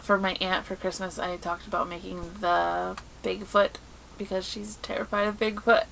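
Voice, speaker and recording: Woman, podcast co-host, casual chat, animated and exasperated, mid pitch, faint background noise. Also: moderate pace, creaky, low-quality recording. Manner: animated, exasperated storytelling with laughs.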